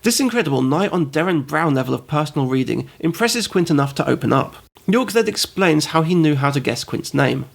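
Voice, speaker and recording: A man's voice: fairly high pitch, animated, fairly quick, creaky, hardly any pauses. A man narrating a comedic game review, sarcastic and prone to tangents. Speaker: host and reviewer.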